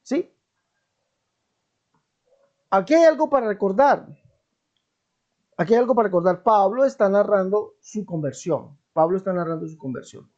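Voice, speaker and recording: Emphatic man teaching, mellow and lo-fi. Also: high voice, lively intonation, normal speed, pauses often. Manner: emphatic, repeats key phrases, checks in with listeners. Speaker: Bible teacher. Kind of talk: online Bible teaching commentary. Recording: dull lo-fi recording.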